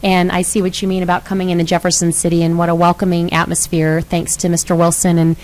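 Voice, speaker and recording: A middle-aged woman chairing a city council meeting, speaking in a gracious, measured, welcoming way. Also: lowish voice, completely flat delivery, darkish tone, poor audio.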